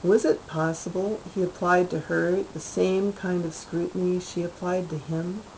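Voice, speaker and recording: A woman, the author, reading her own literary short story aloud in a measured, even way. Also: lowish voice, slight background noise, rough recording.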